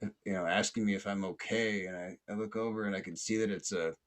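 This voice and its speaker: A podcast host with a lowish, steady voice talks fast as he tells a long personal story. He rambles loosely, full of fillers and restarts.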